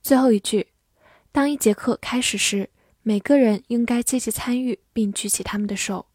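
A woman teaching English vocabulary, saying each word twice and then giving its part of speech and meanings in a measured, lesson-style delivery. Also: a little high, a little mellow, breathy edge, dry recording, clean studio sound. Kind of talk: slow vocabulary review lesson.

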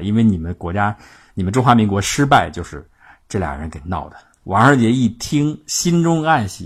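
A man's voice: fairly low pitch, slightly rough. A man telling history stories in a chatty, colloquial way, with frequent filler sounds. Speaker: history storyteller. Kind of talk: casual spoken history storytelling.

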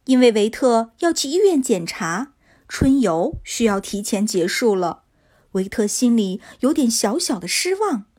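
A woman narrating a scripted children's story in an expressive storytelling manner, as if for young listeners. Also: on the high side, unhurried.

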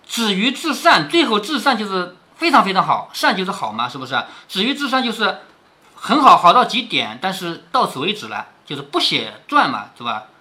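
A man's voice: high-pitched, sing-song, fairly quick, bright, forceful tone. A middle-aged man reading a classic novel aloud and stopping to explain it in plain talk, often asking "right?". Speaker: storyteller reading a classic novel to his daughter.

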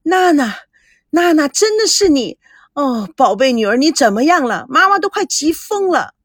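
A frantic mother's voice rises high and swoops with worry as she fires off anxious questions, as a woman narrator puts her on. The tone is breathy and soft, and the recording is close and dry. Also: sing-song, no room sound. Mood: frantic relief. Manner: agitated, rushed questions. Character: excited worried middle-aged mother.

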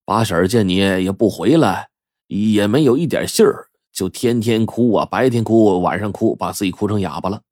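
A man's voice: lowish voice, moderate pace, darkish tone, no room sound, studio quality, lightly acted. A male storyteller voicing a young male villager who tells bad news in a subdued, sighing way. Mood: sorrowful. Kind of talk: storyteller's acted dialogue.

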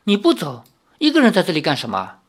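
A man voicing an earnest young man in an audiobook story, coaxing and gentle. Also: high-pitched, huge pitch swings, quick pace, pitched above the performer's own voice, full character voice. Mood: pleading.

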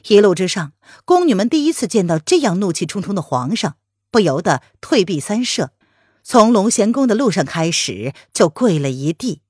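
A woman narrating a palace romance novel as an audiobook, in an expressive storytelling manner. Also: mid-range voice, moderate pace, slightly rough, no room sound, studio quality.

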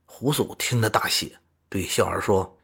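A man narrating a classical tale as a storyteller, in a measured, expressive reading style. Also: sits low, gravelly, slightly rough.

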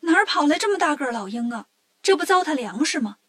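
A woman voicing a bossy demon in a storybook reading, speaking loudly and commanding. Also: high voice, fast talker, no echo, clean studio sound. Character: bossy demon who wants to marry.

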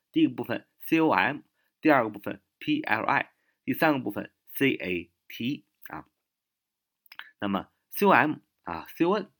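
A man's voice: mid-range voice, fairly bright tone. A man teaching English vocabulary, repeating each word and spelling it out letter by letter, with frequent filler particles. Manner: shifts to English and sounds out words slowly. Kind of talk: spoken vocabulary lesson.

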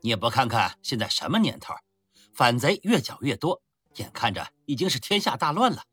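A man's voice: mid-range voice, big pitch swings, fairly quick, a bit bright, husky, dry recording, full character voice. A man doing a cocky, scoffing bodyguard. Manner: scoffing, offhand. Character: cocky dismissive male bodyguard.

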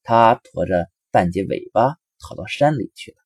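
A man reading a children's story aloud in an expressive storyteller manner. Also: on the low side, normal speed, breathy edge, no echo, studio quality. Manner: expressive, rising and falling storyteller delivery.

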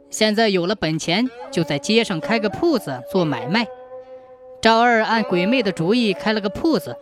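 Woman telling an expressive folk tale. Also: medium pitch. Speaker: storyteller. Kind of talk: scripted folk-tale narration.

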